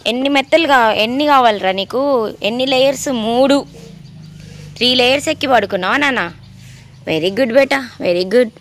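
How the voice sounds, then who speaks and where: A woman's voice: on the high side, normal speed, long pauses, fairly bright tone, a little hiss or hum. A woman, chatting and teasing her pet dogs in a casual vlog. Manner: teasing, doting talk to dogs.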